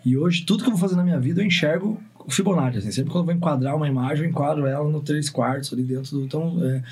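A man's voice: a little high, racing, a little mellow, breathy edge. A man with a Brazilian Portuguese accent telling stories casually in an interview, informally repeating and rephrasing as he goes. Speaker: interview guest, designer and videographer. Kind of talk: casual conversational storytelling.

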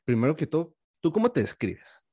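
A man, hosting a casual podcast interview and warmly introducing his guest. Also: on the high side, sing-song, a little fast, slightly rough, no room sound, studio quality. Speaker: podcast host.

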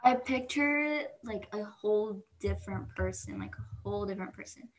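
A woman's voice: mid-range voice, moderate pace, low-quality recording. A woman musing aloud in casual podcast chat, rambling with many "like"s. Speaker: podcast co-host.

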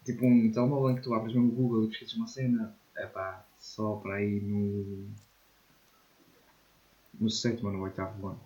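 A man in his twenties with a European Portuguese accent co-hosts a podcast, chatting casually and informally with slang and swearing. His voice is lowish and warm, with a flat delivery at normal speed. The recording sounds muffled.

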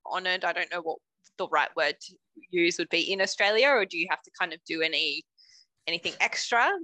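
Bright, dry-sounding podcast host woman. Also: on the low side, no room sound, low-quality recording. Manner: chatty, asks questions, quick to laugh. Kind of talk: casual podcast interview.

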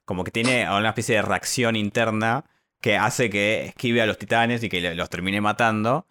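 An Argentine man with a lowish, smooth, resonant voice talks loosely, his speech full of hesitations and self-corrections. The sound is close and dry, with no room around it. He keeps a relaxed, chatty pace. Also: moderate pace, no room sound. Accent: Argentine Spanish. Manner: rambling recap with many fillers and restarts. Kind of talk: casual chat.

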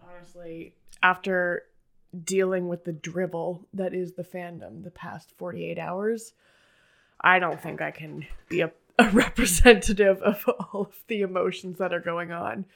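A woman's voice: on the low side, fairly even intonation, a little slow, vocal fry. A woman hosting a podcast, recapping a show in casual, enthusiastic chat and swearing now and then. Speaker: podcast host.

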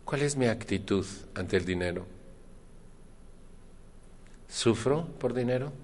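A man's voice: medium pitch, expressive, slow pace, darkish tone, slight background noise. A man with a Mexican accent giving a personal testimony at a support group meeting, chatting with the room, often asking questions and using earthy slang. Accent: Mexican Spanish. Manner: conversational, asks the audience questions.

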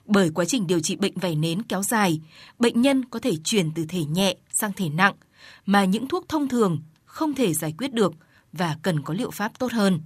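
Husky woman doing news voiceover, dry close sound, steady formal read. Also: mid-range voice, normal speed, no room sound. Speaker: news reporter. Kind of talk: scripted news narration.

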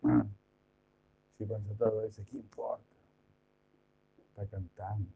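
A man's voice: lowish voice, lively intonation, measured pace, dark tone, slight background noise. A man giving an informal devotional lecture, chatty, full of rhetorical questions and mock imitations. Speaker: devotional preacher. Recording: tinny phone-like sound.

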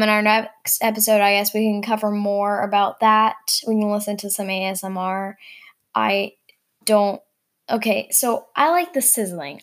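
A young woman hosting a casual vlog, chatting in an upbeat, rambling way with lots of fillers. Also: mid-range voice. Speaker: vlog host.

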